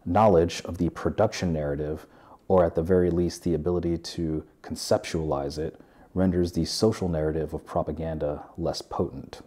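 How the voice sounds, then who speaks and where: Man in his 30s, low husky voice, measured read essay narration, warm dark tone. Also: fairly even intonation. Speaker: welder and video essayist. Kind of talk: scripted narration. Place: living room with a sofa.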